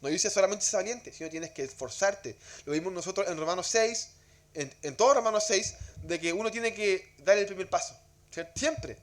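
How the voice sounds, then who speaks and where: With a high, animated voice at a normal speed, a man leads a church Bible class conversationally. He poses rhetorical questions and often repeats words as he goes along.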